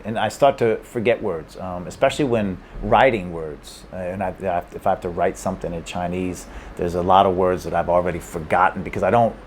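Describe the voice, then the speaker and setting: Talking to camera in a room in Hong Kong, this man shares relaxed language-learning advice in a low, darkish voice over a little hiss or hum. His delivery is rambling and repetitive, full of restarts and little chuckles.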